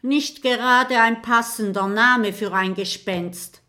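A woman's voice: fairly high pitch, slow pace, bright, forceful tone, voice pushed up. A woman voicing a moody, theatrical female castle ghost in an audiobook. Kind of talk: audiobook character voice.

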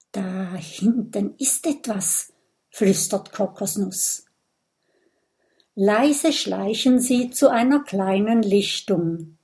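A woman reading a children's audiobook aloud with clear, gentle storytelling. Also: on the high side. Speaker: audiobook narrator.

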